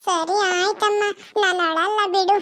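A small boy answers in a very high, drawn-out voice, meek and obedient, as a woman voices him. His words come slowly, as in a comic skit. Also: steady tone, sharp tone, full character voice.

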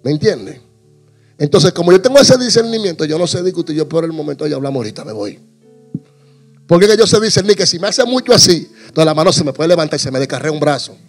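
A man preaching a humorous sermon to his congregation, animated and jokey, acting out little scenes. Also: a little high, quick pace, soft background music. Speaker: pastor.

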